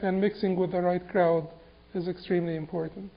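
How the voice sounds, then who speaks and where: A man from Egypt giving an Islamic lecture, halting and repeating words with many fillers. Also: high-pitched, flat delivery, vocal fry. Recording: dull lo-fi recording.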